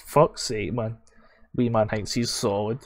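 A man's voice: on the low side, slow pace. A young man, chatting casually as a YouTuber reacting to funny clips, laughing often and swearing freely.

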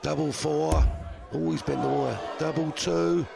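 A man giving live darts commentary in a gravelly voice, with terse running calls of each target. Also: fairly high pitch, fairly even intonation, a little slow. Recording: music and loud crowd noise. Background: music and loud crowd.

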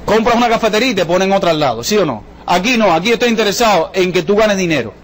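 A man's voice: high-pitched, animated. A man giving a jokey motivational sales presentation to a live audience, firing off rhetorical questions. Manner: jokey, rapid-fire, full of rhetorical questions. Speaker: business presenter. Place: event room with a live audience.

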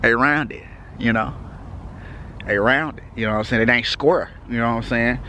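A man's voice: medium pitch, moderate pace, bright, forceful tone, slight background noise. Laid-back Texan man vlogging at night. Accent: Texas. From Texas. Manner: laid-back, loose, repeats "you know what I'm saying". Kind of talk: casual vlog update. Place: outdoors at night.

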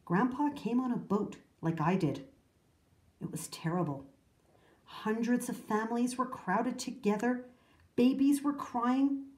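A woman's voice: fairly high pitch, darkish tone, voice pushed up. Woman reading as an earnest old grandmother. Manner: solemn, measured telling. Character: earnest old grandmother recalling hard times. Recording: roomy echo.

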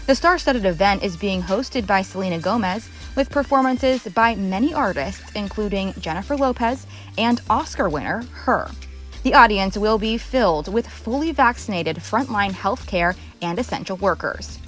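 A woman presenting an entertainment news report as a scripted voice-over with brisk, polished delivery. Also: medium pitch, lively intonation, fairly bright tone. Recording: faint music bed under a studio voice-over.

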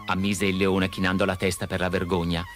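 A man narrating a children's fairy tale, with lively, expressive storytelling. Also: deep voice, brisk. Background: background music.

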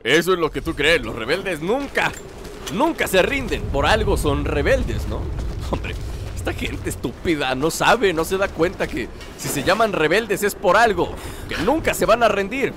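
A man doing joking, chatty let's-play commentary with sudden excited yelps. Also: on the high side, moderate pace, noisy background. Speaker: gameplay commentator.

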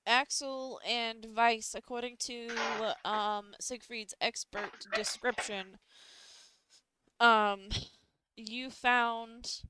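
A woman narrating a tabletop game as game master, unhurried and hesitant, with many fillers. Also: fairly high pitch, steady tone, very noisy.

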